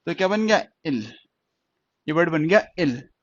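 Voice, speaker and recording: A man teaching stenography in an online lesson, explaining step by step and repeating words and sounds slowly. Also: a little high, dry recording. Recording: dry, dull lo-fi sound.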